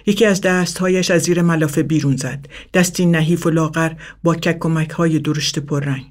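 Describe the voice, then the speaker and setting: Man calmly narrating a story. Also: a little high.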